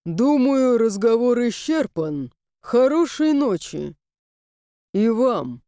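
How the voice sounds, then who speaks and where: A woman voicing Inamir, a stern, proud young man, in a measured, lecturing way in an audiobook. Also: a little high, very animated, mellow, dry recording, studio quality, full character voice. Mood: curt. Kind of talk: audiobook character voice.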